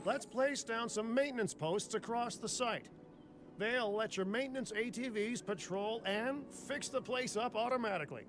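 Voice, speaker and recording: An actor voicing an anxious, self-serving park manager in a video game, with a flustered, wheedling, chatty way of talking. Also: male voice, very high-pitched, moderate pace, music in the background. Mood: instructive. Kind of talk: video game character dialogue.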